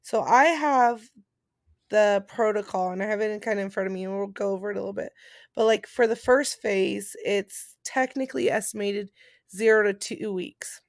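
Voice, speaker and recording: A woman speaks in an informal, explanatory way, like a casual vlog chat. Her voice has a noticeable gravelly fry at a middle pitch. The sound is dry, with very little room in it. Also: moderate pace, no room sound. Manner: informal, explanatory, reading out points then paraphrasing. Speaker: vlogger and post-surgery patient. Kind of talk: casual chat about recovery.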